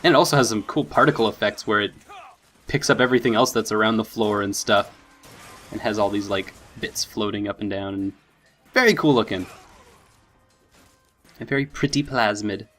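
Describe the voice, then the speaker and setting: A man's voice: on the low side, normal speed, long pauses, fairly bright tone, soft background music. A man hosting a let's play with casual commentary, thinking aloud and easily impressed. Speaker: gaming video host.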